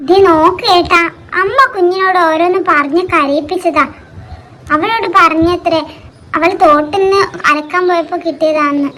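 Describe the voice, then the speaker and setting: A woman's voice: very high-pitched, steady tone, normal speed, a bit bright. A woman voicing a caring young mother in a cartoon, soothing and fussing over her crying daughter. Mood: calling out. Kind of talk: cartoon voice acting.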